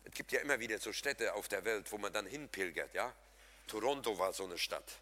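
A man preaches a sermon with a bright, forceful voice, chatting directly with his congregation. He moves between loud emphatic lines and hushed ones. His voice carries a long reverberant tail from a church hall. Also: fairly low pitch, a little fast. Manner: lively, humorous, addresses congregation directly; swings between loud emphatic and soft quiet passages.

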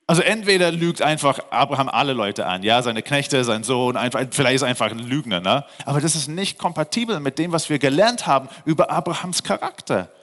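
A man's voice: mid-range voice, fairly bright tone, long reverb tail. A man preaching a sermon, mixing scripture reading with emphatic explanation and rhetorical questions to his listeners. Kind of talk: sermon, Bible teaching.

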